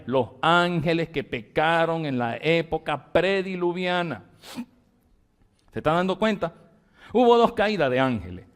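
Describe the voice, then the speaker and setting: A Venezuelan pastor with a Venezuelan Spanish accent teaches a Bible study to his congregation in a church room. He speaks emphatically, in a fairly high voice for a man, and repeats key words slowly as if dictating them for notes.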